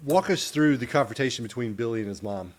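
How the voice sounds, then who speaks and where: A man hosting a casual movie discussion podcast, steering the talk in a dry, measured way. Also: mid-range voice, expressive, slight background noise. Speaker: podcast host.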